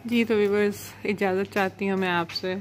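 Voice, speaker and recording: A woman from Pakistan, telling a home story in a relaxed, even way as a vlogger. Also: mid-range voice, normal speed, a little hiss or hum. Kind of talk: casual vlog narration. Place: home rooftop, outdoors.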